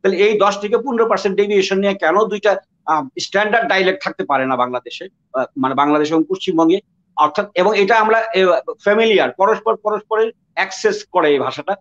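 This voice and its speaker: A man with a Dhaka Bengali accent talks through ideas in an interview, circling and pausing with fillers as he hunts for words. His voice sits fairly high. The recording sounds a bit dull and muffled. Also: fairly bright tone. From Bangladesh. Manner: discursive, searching for words with many fillers. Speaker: interviewee, writer. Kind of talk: reflective interview talk.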